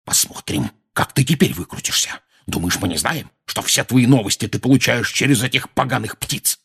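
A man voicing a bellowing, furious middle-aged uncle in an audiobook, hoarse and blustering. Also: medium pitch, sing-song, moderate pace, pitched above the performer's own voice. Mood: gloating. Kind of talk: audiobook character voice.

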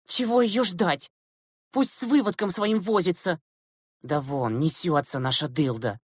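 A woman's voice: mid-range voice, unhurried, husky, dry recording, studio quality. A woman voicing a group of mocking, whiny teenage schoolgirls in an audiobook, with a sneering manner. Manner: sneering, whining. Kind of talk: audiobook character reading.

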